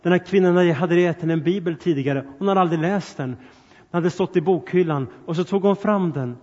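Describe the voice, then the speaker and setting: Higher-voiced man preaching in a reverberant hall. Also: darkish tone. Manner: earnest, addresses the congregation directly with questions and appeals. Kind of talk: sermon. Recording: long reverb, dull sound.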